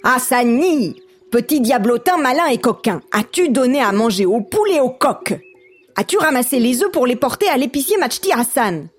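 A woman's voice: high voice, lively intonation, soft background music, voice pushed up. A woman voicing a bossy scolding old grandmother. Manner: bossy, drawn-out scolding calls.

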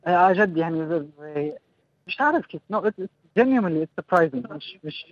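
A man's voice: a little high, expressive, normal speed, no room sound, dull audio. A man with a Palestinian-Jordanian Levantine Arabic accent chats casually as an interview guest, mixing English words into his speech. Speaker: interview guest, craft project co-founder. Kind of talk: casual radio interview talk.

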